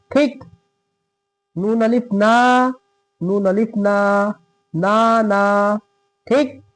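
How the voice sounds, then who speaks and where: Slow, patient man teaching Urdu letters. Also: high voice, dry recording. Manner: spells out letters syllable by syllable, repeats often; patient, keeps checking with "thik hai". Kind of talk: slow step-by-step reading lesson.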